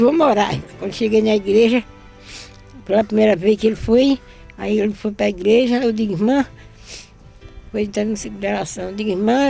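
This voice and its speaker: Speaking with a medium-pitched, mellow voice touched by vocal fry, an older northeastern Brazilian woman shares a tearful religious testimony about her son. She frequently repeats herself and quotes what others said.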